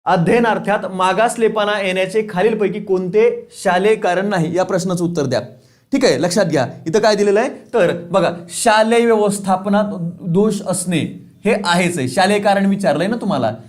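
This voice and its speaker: A man's voice: high-pitched, moderate pace. A man teaching an online exam-prep lesson. He asks questions, answers them himself, repeats key points and chuckles now and then. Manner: repeats key points, says "lakshat theva"; casual, chuckles and teases students.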